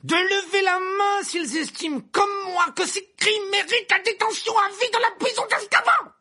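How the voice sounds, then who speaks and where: A man's voice: very high-pitched, moderate pace, bright, forceful tone, voice pushed up, heavily acted. A man doing a thundering, hateful Croupton. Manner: thundering, declaiming. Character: stern older male judge, cold fury. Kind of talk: audiobook character voice.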